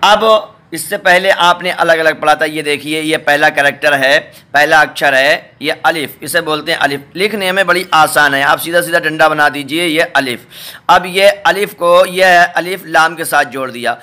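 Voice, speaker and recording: A man teaching a Quran reading lesson, patiently naming letter pairs and repeating each one slowly for his viewers. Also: a little high, bright, forceful tone. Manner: addresses viewers directly, asks them to look. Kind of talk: step-by-step spoken lesson.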